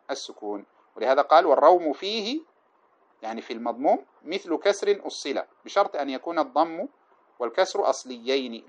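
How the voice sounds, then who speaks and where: A man teaching a class on an old didactic poem chants the verses slowly, then explains them in quick, plain lecture speech. His voice is medium-pitched, and the lecture recording sounds dull and lo-fi.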